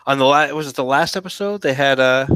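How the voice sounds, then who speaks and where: A man with a bright, forward voice talks casually on a livestream. He rambles and halts, circling back over phrases before finishing them. The sound is very dry, with hardly any room around it. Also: mid-range voice, clear, resonant tone, dry recording. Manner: rambling, halting, repeats and restarts phrases. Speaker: stream participant chatting about TV shows.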